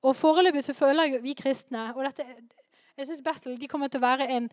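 A woman preaching a sermon in a lively way, rising to fervent emphasis. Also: high-pitched, no echo.

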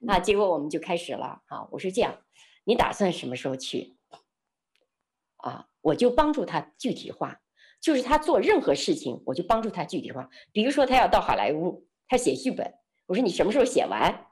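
A woman, telling a personal story in an interview. She speaks softly, often drops close to a whisper, acts out both sides of a conversation and laughs lightly now and then. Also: fairly low pitch, big pitch swings, brisk. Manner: soft-spoken, often dropping to a near whisper; reenacts dialogue, laughs lightly. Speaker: interview guest.

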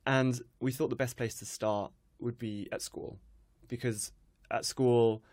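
A man's voice: medium pitch, steady tone, measured pace, a little mellow, no room sound. Guest, man in his twenties, English accent, thoughtful and self-deprecating, dry close recording. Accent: English, not from a specific place. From Switzerland. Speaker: guest, kindness project founder. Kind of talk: conversational interview.

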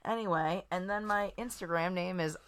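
A woman's voice: lowish voice, moderate pace, a bit bright. A woman chatting casually as a podcast guest, blunt, bawdy and comically rambling. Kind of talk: casual comedic chat.

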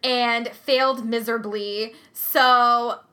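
A young woman co-hosting a casual chat podcast, a new mother telling stories in a giggly, animated way. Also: fairly high pitch, slow pace.

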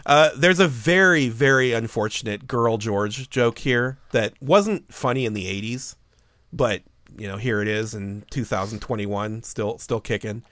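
A man co-hosting a podcast, talking through a movie in loose, conversational chat at a middle pitch. He is wry and joking, and laughs often as he riffs. The sound is dry and close to the mic. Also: a little slow, fairly bright tone, dry recording. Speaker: podcast co-host. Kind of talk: casual movie-review chat.

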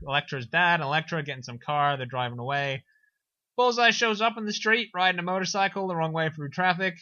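A young man casually recapping a film on a podcast, sarcastic and animated, slipping into silly voices. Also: fairly high pitch, no room sound. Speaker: podcast co-host. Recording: dull lo-fi dry recording.

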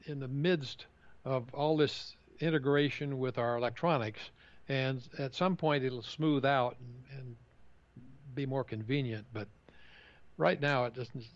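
A man with a mid-range voice talks tech in a halting way, restarting often and filling gaps with "uh." The sound is a bit dull and muffled, and it stays dry with no room sound. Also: mid-range voice, no room sound. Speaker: tech podcast co-host. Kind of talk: casual chat.

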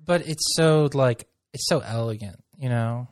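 A man's voice: medium pitch, a little slow, no room sound. A man hosts a loose, casual chat in an ordinary mid-range voice. He gushes and rambles, often leaving sentences unfinished. The sound is dry and close. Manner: gushing, rambling, trails off.

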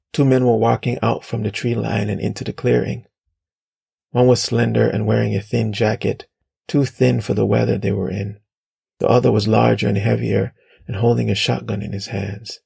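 A man reading his own story aloud in steady, measured narration. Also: fairly low pitch, gravelly, breathy edge, no room sound, studio quality. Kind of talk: audiobook narration.

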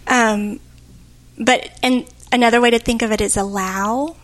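A woman's voice: a little high, fairly even intonation, measured pace. A woman co-hosting a podcast, talking in a thoughtful, searching way with frequent fillers. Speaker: podcast co-host. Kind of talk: reflective conversational chat.

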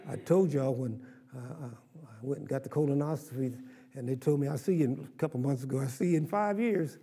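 A man's voice: medium pitch, brisk, mellow, husky. Older man preaching in a reverberant hall. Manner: preaching with call-and-response, rising to exclamations. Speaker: pastor. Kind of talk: sermon.

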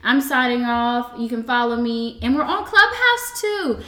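A woman co-hosts a laid-back podcast in a slightly high, bright voice. She talks playfully and laughs easily. The room around her rings with echo. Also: big pitch swings. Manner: playful, laughing, drawn-out sign-offs. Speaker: podcast co-host. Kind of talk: casual podcast chat.

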